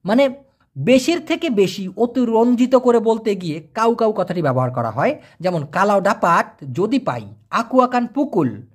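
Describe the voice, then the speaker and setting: Male language teacher, casual lesson, very animated pitch, repeats phrases slowly and translates them. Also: slightly rough. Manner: repeats each phrase slowly and translates it, with a lively rise and fall.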